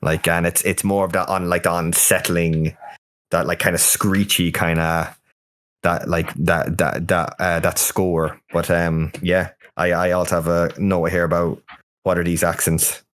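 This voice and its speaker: An Australian man with a deep, low voice talks through a film on a casual podcast. He rambles, doubling up words as he feels his way to a point. It sounds like an online voice call. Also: little pitch movement, unhurried, fairly bright tone. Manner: rambling, repeats words while searching for them. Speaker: podcast co-host.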